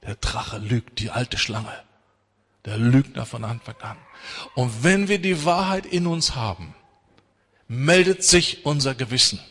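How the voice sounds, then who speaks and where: A middle-aged man preaches with emphasis, rising to loud urging and dropping to hushed intensity. His voice is bright and cutting yet husky. The sound carries a long reverb, as in a large hall. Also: mid-range voice, expressive, a little slow. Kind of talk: sermon.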